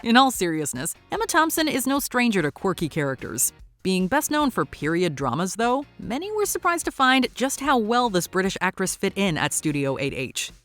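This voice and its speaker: A woman's voice: medium pitch, very animated, normal speed, fairly bright tone, faint music behind, a faint crowd. A woman delivering upbeat scripted commentary as the narrator of a countdown video.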